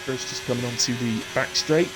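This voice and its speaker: A man with a chest infection hosts informal live sim racing commentary and casual chat, talking in short running phrases. His mid-range voice is fairly quick, and there is background noise.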